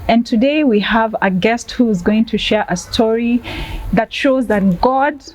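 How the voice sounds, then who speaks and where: A woman's voice: a little high, unhurried, rough recording. Affirming woman TV host. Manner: warm, affirming, with frequent amens. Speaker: TV show host.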